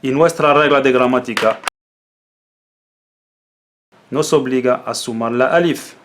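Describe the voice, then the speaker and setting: A man teaching the Arabic alphabet in a patient, spoken lesson, repeating each syllable slowly and drilling it. His first language is Arabic. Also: medium pitch, background noise.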